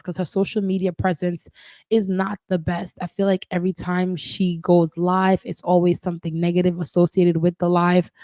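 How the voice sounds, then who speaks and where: A woman's voice: lowish voice, a little mellow, no room sound. A woman hosting a casual celebrity gossip commentary show, chatty and repetitive, often tagging her points with a question. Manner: chatty, repeats words, frequent "right?" tags. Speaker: host.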